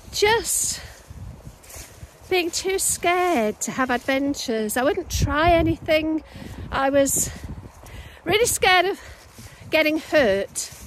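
A woman in her late fifties speaks in a voice that sits high, vlogging reflectively to camera on a phone held at arm's length. She is walking outdoors in open countryside, and the low-quality recording carries clear outdoor background noise.

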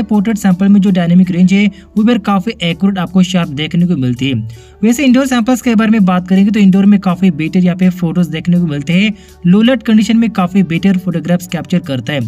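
A man with a high, mellow voice narrates a phone camera review. He talks in a chatty way, mixes English terms into Hindi and keeps addressing the viewers as friends. Faint music plays behind him. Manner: chatty Hinglish, mixing English words into Hindi. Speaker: tech reviewer. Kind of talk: product review voice-over.

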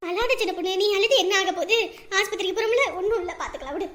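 A woman's voice: extremely high pitch, racing, a bit bright. A middle-aged woman acting as a caring, bossy mother-in-law in a family drama. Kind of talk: family web series acting.

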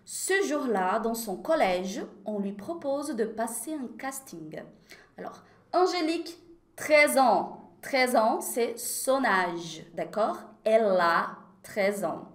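A Brazilian woman from Recife teaching French in a lively, chatty live lesson, laughing often and slowing down to pronounce French words carefully. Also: fairly high pitch, echoey room. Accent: Brazilian Portuguese.

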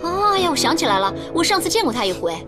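An actress in a TV drama playing a brash, sharp-tongued woman lecturing her crying friend. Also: extremely high pitch, sing-song, rapid-fire, loud music behind the voice. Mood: bossy. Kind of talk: TV drama acting.

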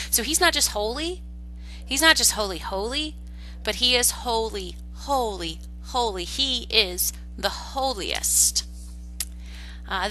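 A woman teaching a Bible study lesson, her voice bright and clear. She explains earnestly, often pausing with "uh" and restarting her sentences. A faint hum sits under the recording. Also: medium pitch, low-quality recording.

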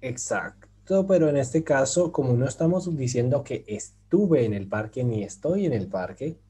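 Warm, husky, and medium in pitch, this man's voice has lively intonation and a normal speed. He patiently works through a Turkish grammar lesson step by step for an online group class, frequently asking "¿cierto?" ("right?").

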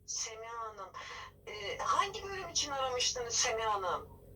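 A woman's voice: fairly high pitch, very animated, moderate pace, bright, forceful tone, distant mic, poor audio. A woman playing a polite, formal office employer on a landline phone, patient and full of hesitant fillers.

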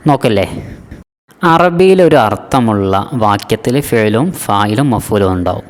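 A man's voice: on the low side, very animated, normal speed. Patient male teacher in a reverberant room. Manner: patient, repeats key terms and asks students to check understanding. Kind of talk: exam-prep lesson.

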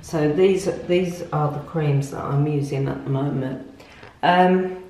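Holding her phone camera, a woman with a deep, warm voice gives a slow, chatty home tour from her small tiled bathroom as a lifestyle vlogger. Her talk rambles with fillers and restarts, and the recording is echoey with slight background noise.

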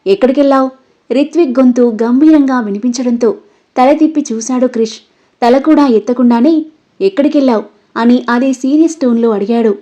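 A woman narrating a romantic story in a steady, expressive storybook reading, on a dull, lo-fi recording. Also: on the high side, fairly quick.

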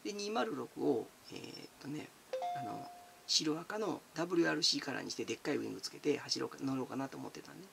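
A man's voice: medium pitch, animated, quick pace, creaky, noisy background. A man, chatting casually as he answers viewer comments, giggly and talkative, calling himself by his nickname. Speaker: channel host.

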